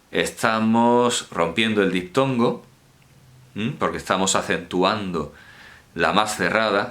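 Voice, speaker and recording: A man's voice: fairly low pitch, pushed and bright. A man giving an informal university lecture, digressive and colloquial, correcting himself and repeating key words.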